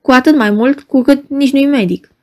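A woman's voice: high-pitched, warm tone, close to an everyday voice. A woman reading aloud, voicing a proud male professor who speaks in a dry, short, commanding way. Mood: curt. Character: curt, proud middle-aged male professor, doctor.

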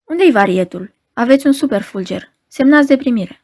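A woman's voice: high-pitched, lively intonation, darkish tone. A woman reading an audiobook, voicing an impatient female telegram courier who speaks curtly and scolds. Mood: businesslike. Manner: curt, scolding.

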